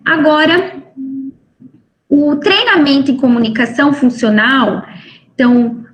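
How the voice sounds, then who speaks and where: A woman physician with a Brazilian Portuguese accent giving a medical lecture, explaining step by step with frequent fillers and rhetorical tag questions. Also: sits high.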